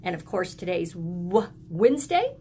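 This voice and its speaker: Her voice sits on the low side, mellow yet very animated, and she speaks a little slowly against slight background noise. As an early elementary teacher, she encourages her young pupils in simple terms and prompts them to repeat after her.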